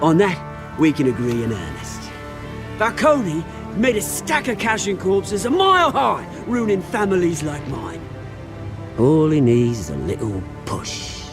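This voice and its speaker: Oswald Cobblepot, cocky volatile British rogue. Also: male voice, fairly high pitch, big pitch swings, a little slow, music in the background. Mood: sly, threatening. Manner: taunting, theatrical, slangy. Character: cocky, volatile British rogue, fallen rich heir turned revolutionary. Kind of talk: video game voice acting.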